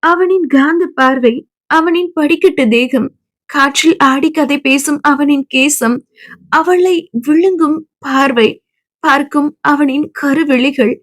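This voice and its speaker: High-voiced lady reading a romance audiobook, calm and even, dry close sound. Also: dry recording. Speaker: audiobook narrator. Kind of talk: scripted narration.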